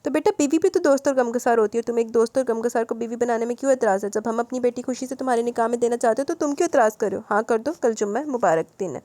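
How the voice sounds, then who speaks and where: A woman's voice: fairly high pitch, few pauses, dark tone, no echo, lightly acted. A woman voicing a scheming middle-aged mother who persuades in a coaxing, honeyed way in an audio novel.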